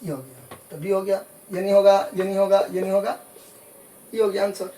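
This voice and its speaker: A man's voice: high voice, fairly even intonation, a little fast, mellow, far from the mic, a little hiss or hum. A man working through a decimal addition problem as a maths teacher, patiently repeating each step and checking that students follow. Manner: repetitive, patient, asks "clear?" often. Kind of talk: explaining sums step by step.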